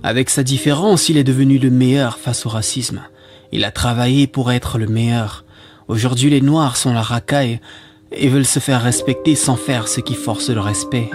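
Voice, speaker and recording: Male narrator for solemn, exhorting spoken-word piece, mid-range voice, music underneath. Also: mid-range voice. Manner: solemn, exhorting, rhetorical repetition. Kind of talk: scripted spoken-word monologue. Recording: music behind the voice.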